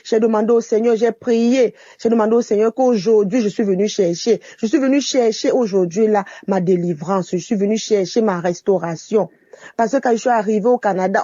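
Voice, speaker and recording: A woman's voice: medium pitch, mellow, no echo, highs cut off. A woman from Cameroon giving a fervent religious testimony in a recorded voice message, repeating her thanks.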